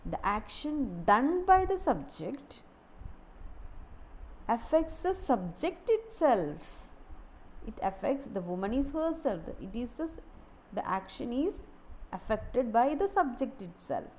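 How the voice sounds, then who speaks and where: A woman teaching a grammar lesson, explaining slowly and repeating key words. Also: a little high, sing-song, a little mellow, rough recording. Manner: deliberate, repeats key words, occasional restarts.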